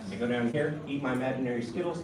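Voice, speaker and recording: A man leading a martial arts class through exercise drills, calling out loud counts and commands, then explaining each move calmly. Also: mid-range voice, racing. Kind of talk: leading a children's fitness drill. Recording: echoey hall, distant mic, loud noise.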